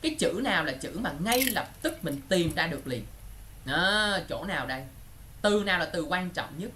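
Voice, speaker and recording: Lively male teacher. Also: high-pitched, slight background noise. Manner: keeps checking students follow with quick questions. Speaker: English exam teacher. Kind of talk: lively online class teaching.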